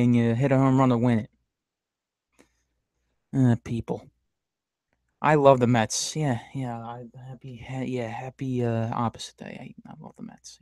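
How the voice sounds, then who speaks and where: A man's voice: mid-range voice, a little mellow, dry recording. Rambling, stammering podcast host, a man. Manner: rambling, stammering, ranting sports fan. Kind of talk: casual live-stream chat.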